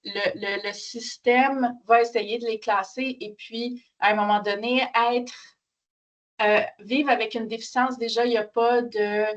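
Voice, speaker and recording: A woman's voice: a little high, fairly even intonation, measured pace, lo-fi sound. A woman with a Quebec French accent, speaking spontaneously as a panel speaker and explaining her points.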